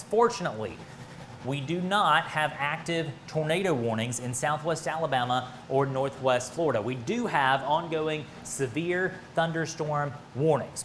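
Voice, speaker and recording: A man's voice: on the high side, a bit bright. Urgent American weatherman, noisy background. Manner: urgent, emphatic, direct appeals to listeners. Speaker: weather broadcaster. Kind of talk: live severe weather coverage, ad-libbed.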